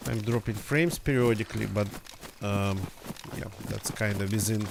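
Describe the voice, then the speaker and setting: His voice sits on the low side with fairly even intonation, a moderate pace and vocal fry, sounding slightly nasal and stuffy after a recent cold. He's streaming a survival game with casual, rambling, self-correcting commentary over background noise.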